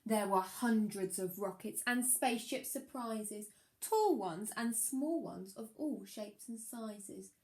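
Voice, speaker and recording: A woman with a mid-range voice reads a children's picture book aloud in the style of a primary teacher. She's expressive and gives the rhymes dramatic emphasis.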